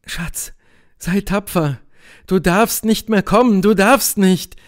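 A man's voice: high voice, takes it slowly, pitched above the performer's own voice. A man reading an audiobook, voicing a troubled young woman who is bound by duty, pleading and tense. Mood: bitter.

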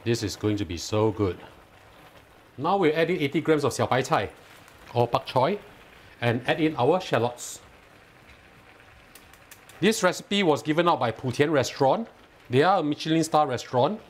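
An animated cooking channel host with a Singaporean English accent guides viewers through a home recipe in his kitchen, step by step. His voice sits on the high side, at normal speed, with frequent pauses and a faint hiss or hum. He comes across as instructive and lightly enthusiastic.

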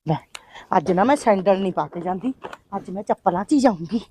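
A woman's voice: mid-range voice, animated, a little fast, noisy background, lightly acted. A woman playing a fussy, bossy, impatient Punjabi housewife who mutters and exclaims dramatically in a comedy skit. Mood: fussing, muttering. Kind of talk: family comedy skit acting.

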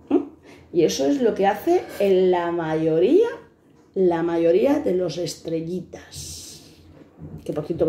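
A blunt, fiery Spanish woman in her fifties tells stories from her own life to the camera, swearing and acting out the people involved. Her voice is fairly low and warm, and the room sounds echoey.

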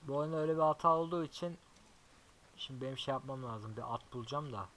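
A young man giving casual gameplay commentary as a YouTuber, chatty and swearing often, talking softly to his horse now and then. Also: medium pitch, fairly even intonation, quick pace, rough recording. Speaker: gaming YouTuber.

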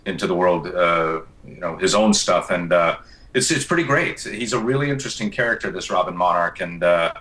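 A man who narrates audiobooks, chatting as a guest in a relaxed way with many fillers and restarts. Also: deep voice, a little fast, far from the mic, poor audio. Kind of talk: casual interview chat.

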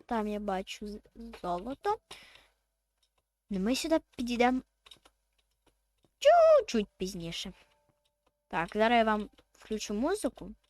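A woman's voice: medium pitch, wildly swooping pitch, a little slow, long pauses, darkish tone, no room sound. A woman, chatting casually as she plays a video game and counts aloud while building. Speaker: gaming video host.

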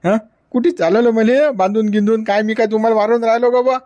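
A man's voice: sits high, steady tone, fast, warm tone, no echo, lightly acted. A man voicing a confused old village man who pleads and protests, speaking. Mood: pleading.

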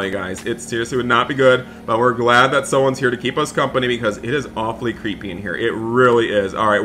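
A young gaming video creator does dramatic, emphatic roleplay commentary for his viewers, voicing over game footage indoors and often repeating his exclamations. His voice is mid-range and sharp, with music in the background and a little hiss or hum.

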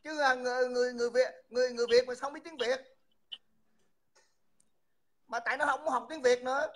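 A man's voice: extremely high pitch, steady tone, fairly quick, a bit bright. A man, hosting a livestream and mockingly insulting someone over and over. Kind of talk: heated livestream taunting.

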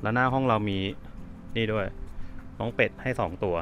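Chatty Thai man vlogging over loud music. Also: fairly low pitch, a little fast, highs cut off. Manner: chatty, self-correcting, exclaims at views. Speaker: travel vlogger. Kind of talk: casual on-the-go travel chat. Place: outdoors and indoors on a road trip.

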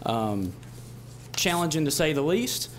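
A middle-aged man giving a measured, explanatory report at a podium microphone in a meeting chamber. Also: fairly high pitch, very animated. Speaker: utility general manager. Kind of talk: semi-formal spoken report at a public meeting. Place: indoor council chamber. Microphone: podium gooseneck microphone. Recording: background noise, room ambience.

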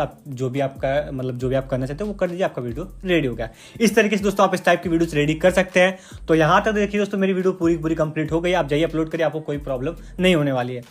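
Fast, high-voiced man teaching. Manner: chatty, repeats "dekhiye doston" and "bhai". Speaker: tutorial host. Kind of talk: screen-recorded app tutorial.

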